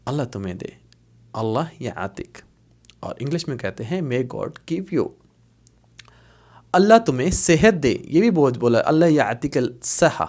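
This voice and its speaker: A man teaching a casual spoken lesson, saying phrases slowly and repeating them, often checking in with his listeners. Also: mid-range voice, very animated, darkish tone. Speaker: language teacher.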